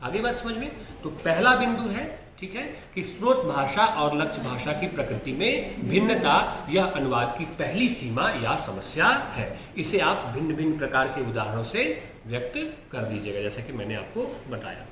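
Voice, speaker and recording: A man's voice: fairly high pitch, very animated, moderate pace, hardly any pauses, sharp tone, reverberant, a little hiss or hum. A man teaching Hindi exam prep, who asks rhetorical questions, answers them himself and keeps checking in with his students.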